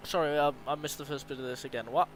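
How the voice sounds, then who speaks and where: A man's voice: fairly high pitch, fairly even intonation, fast, fairly bright tone, a little hiss or hum, poor audio. A man chatting as a co-driver in a sim race, playful, laughing often and giving calls on fuel and pit stops. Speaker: co-driver and teammate. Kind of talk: casual team radio chat.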